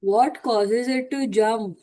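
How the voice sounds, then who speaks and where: A student with a medium-pitched voice takes part in a tutoring session. The turns are short, made up of replies and simple questions. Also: slow, mellow, rough recording. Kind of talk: short answers and questions in a lesson.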